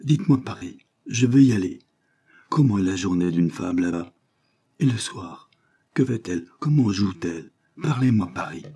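A man reading aloud and voicing a mysterious young foreign woman, imperious yet naive, who speaks haltingly in broken phrases. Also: low-pitched, animated, warm tone, husky, full character voice. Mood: eager. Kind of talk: audiobook character reading.

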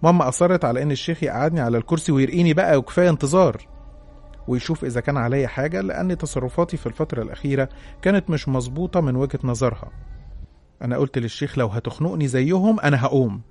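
Fast-talking Egyptian male storyteller. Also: medium pitch, darkish tone. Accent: Egyptian Arabic. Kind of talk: narrating a listener's horror story.

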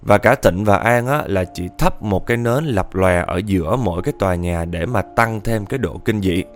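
A man's voice: on the low side, normal speed, a little hiss or hum. A man telling a ghost story in a casual, chatty way, often speaking straight to his listeners. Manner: chatty, addresses listeners directly.

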